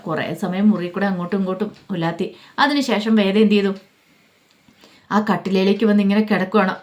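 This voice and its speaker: Woman casually retelling a story. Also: medium pitch. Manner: conversational, with fillers.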